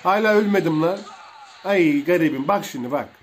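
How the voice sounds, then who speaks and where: A young man casually commentating a mobile wrestling game for viewers, excitable and slangy, calling out moves and reacting to hits. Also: a little high, moderate pace, a little hiss or hum.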